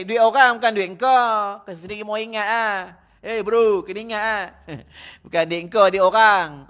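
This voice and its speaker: A man's voice: high voice, fairly bright tone. A man with a Malaysian Malay accent preaching a mosque lecture, blunt and teasing, scolding his listeners and checking in with them constantly. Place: mosque prayer hall.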